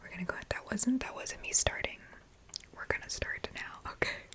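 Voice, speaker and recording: Whispering young woman, ASMR. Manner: soft-spoken, repeating trigger words slowly. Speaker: ASMR creator.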